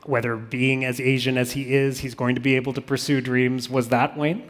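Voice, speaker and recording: A man's voice: mid-range voice, level tone, normal speed, long reverb tail. A man hosting a book discussion, asking probing follow-up questions. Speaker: host.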